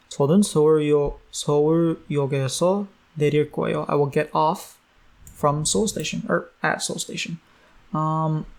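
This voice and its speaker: A man's voice: on the high side, vocal fry. A man teaching a language in a casual online lesson, loose and chatty with many ums.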